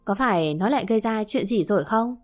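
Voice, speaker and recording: A woman's voice: medium pitch, lively intonation, quick pace, a little mellow, soft background music, close to an everyday voice. A woman voicing a short-tempered middle-aged father who scolds his family. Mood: irritated. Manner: scolding, gruff.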